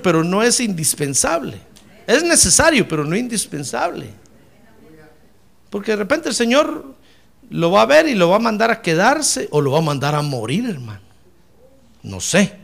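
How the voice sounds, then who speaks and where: High, fervent preaching man. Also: gravelly, a bit bright. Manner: fervent, calls listeners brother. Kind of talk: sermon.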